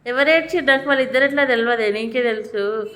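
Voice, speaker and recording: High bright-voiced woman coaxing a child. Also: fast talker. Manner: coaxing, playful questioning. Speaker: family member filming a child. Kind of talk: casual chat with a small child.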